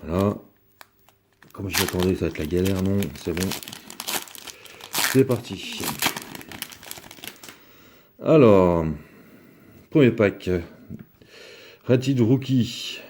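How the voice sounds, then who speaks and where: A man with a low, mellow voice talks through opening a box of trading cards. His delivery is chatty and rambling, full of fillers and small asides. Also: animated, drawn-out words, long pauses. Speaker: card collector opening a box. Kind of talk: casual unboxing commentary.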